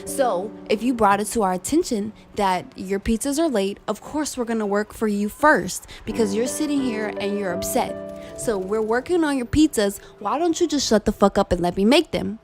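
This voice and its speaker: A woman's voice: medium pitch, animated, normal speed, music in the background. A young woman venting a heated, profane work story in a casual vlog. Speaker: vlogger telling a work story. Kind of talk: casual storytime rant over gameplay.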